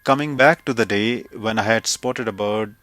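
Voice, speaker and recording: A man from India, narrating an audio story in a measured, reflective way. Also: on the low side, a bit bright, no echo, faint music behind. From India, Kumaon Himalayas.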